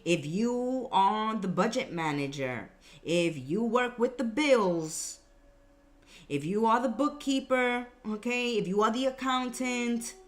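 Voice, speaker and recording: A woman's voice: on the high side, animated, slow. A woman giving a conversational, improvised mystical horoscope reading, emphatic and repeating phrases for effect. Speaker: tarot and horoscope reader, host.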